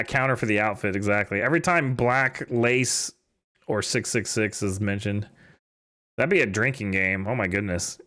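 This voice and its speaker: A man's voice: medium pitch, pushed and bright. A man reading bad fan fiction aloud for laughs, breaking off for mocking, sarcastic asides. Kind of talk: comedic dramatic reading with commentary.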